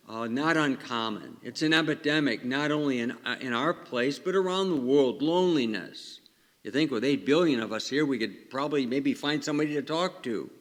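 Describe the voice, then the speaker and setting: A man, a parish priest, reads the Gospel and preaches in a plain-spoken way, asking the congregation questions, with a long cathedral echo around his voice. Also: mid-range voice. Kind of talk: Gospel reading and conversational homily. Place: large church. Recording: long echo of a large church.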